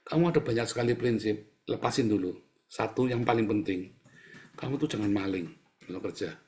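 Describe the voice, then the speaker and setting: A man's voice: fairly low pitch, a little fast, darkish tone. A middle-aged male pastor preaching a sermon in a blunt, scolding, mocking way, acting out the people he quotes and laughing between points. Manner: acts out quoted people in shifted voices.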